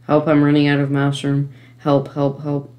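A woman giving let's-play commentary from her home computer setup, frustrated, pleading with the game and breaking into sudden gasps and yells. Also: deep voice, monotone, normal speed. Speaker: gamer.

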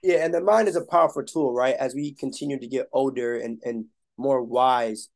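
A man's voice: medium pitch, moderate pace, gravelly, a little mellow. A man in his thirties hosting a podcast interview over a video call, talking in an easy, affirming way. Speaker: podcast host. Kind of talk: casual interview chat.

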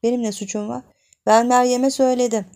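A young village wife pleads in a frantic hush, her voice pushed high and urgent, as a woman narrator puts her on. The tone stays dark and gravelly underneath, like a storybook reading turned tense. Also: flat delivery, fairly quick, natural voice. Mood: pleading.

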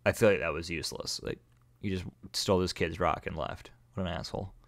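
A man's voice: low-pitched, steady tone, a little fast. A man giving sarcastic, profane, joking commentary while playing a game. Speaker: let's play host. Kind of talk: casual gameplay commentary.

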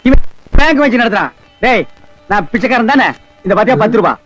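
Mouthy film comedy heckler, super high voice, snapping insults nonstop. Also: male voice, animated, quick pace, a bit bright, faint music behind, exaggerated voice, poor audio. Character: sharp-tongued man heckling beggars. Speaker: comic lead in a film scene.

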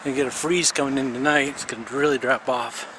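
A middle-aged man casually narrating a walkthrough of a building site outdoors, filming on a handheld camera and pausing often with fillers. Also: mid-range voice, steady tone, pushed and bright, slight background noise, poor audio. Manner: rambling, plain-spoken, pauses with fillers while filming. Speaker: vlogger documenting a house build. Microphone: handheld camera mic while walking.

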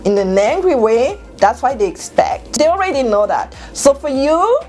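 Young woman from Cameroon, vlogger on a lapel mic at home, lively and emphatic, pitch leaps on key words. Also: moderate pace, soft background music. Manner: animated, gestures a lot, jumps up in pitch for emphasis. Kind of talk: talking to camera, motivational advice. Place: bedroom at home, indoors. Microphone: clip-on lapel mic.

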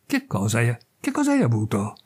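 A man's voice: medium pitch, wildly swooping pitch, fairly quick, darkish tone, breathy edge. A man reading aloud voices a young army captain who is ashamed and evasive and stammers in embarrassment. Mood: awkward. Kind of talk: audiobook reading of a classic tale.

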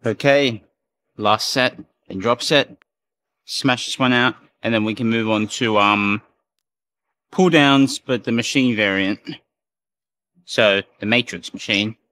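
A man vlogging his workout at the gym, chatting casually between sets with breathy sighs. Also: fairly low pitch, takes it slowly, pauses often, pushed and bright. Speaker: fitness vlogger. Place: gym, indoors.

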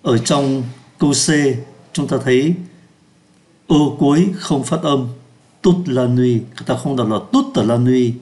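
A man teaching French pronunciation in Vietnamese, slowing down to sound out French words. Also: mid-range voice, a little mellow. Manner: slows down to pronounce French words. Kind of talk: lesson explaining pronunciation.

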